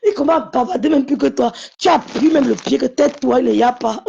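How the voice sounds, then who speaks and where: A woman ranting mockingly in a casual social media live, with slangy, animated outbursts. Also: sits high, brisk, gravelly, a little hiss or hum. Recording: muffled lo-fi sound.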